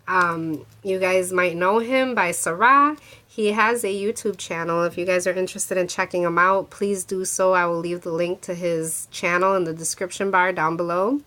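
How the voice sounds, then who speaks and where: This woman's mid-range voice is a bit bright, though her cold makes her sound congested and gives her a sore throat. Talking casually to camera, she presents a handmade crystal ring, stumbling into restarts and lots of fillers.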